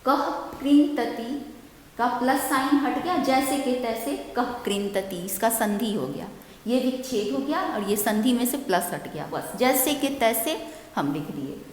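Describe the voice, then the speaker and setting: A woman teacher giving a slow online grammar lecture, often pausing to ask if the class is following. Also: a little high, very animated, a little hiss or hum. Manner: slow, repeats "ठीक है?" to check understanding. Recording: echoey room with long reverb.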